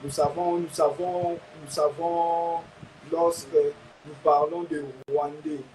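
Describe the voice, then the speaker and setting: Halting Congolese man from Kinshasa. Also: a little high, level tone, darkish tone, a little hiss or hum, rough recording. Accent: Congolese French. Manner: halting, repeats words while thinking. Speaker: guest commentator.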